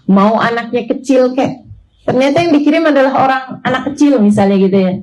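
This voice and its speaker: A woman in her forties from Indonesia gives a sermon with a high, light voice. She talks to her listeners as sisters, using everyday workplace examples and casual asides. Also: a little fast, a little mellow, poor audio. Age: 40s. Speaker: Islamic preacher.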